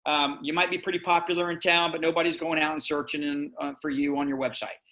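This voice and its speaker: A man presenting a sales webinar, talking in a direct, energetic and persuasive way. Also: fairly high pitch, quick pace. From Florida, US.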